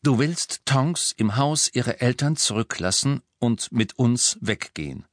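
A man's voice: medium pitch, lively intonation, unhurried, no room sound, clean studio sound, pitched above the performer's own voice, close to an everyday voice. Harry, a man reading a blunt teenage wizard. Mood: firm.

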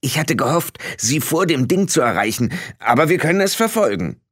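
A small, boastful fairy chief, voiced by a man reading an audiobook, sounds cocky and matter-of-fact. His voice sits well above a man's usual pitch. The recording is dry and close. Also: big pitch swings, brisk, a bit bright, no room sound. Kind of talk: audiobook character voice.

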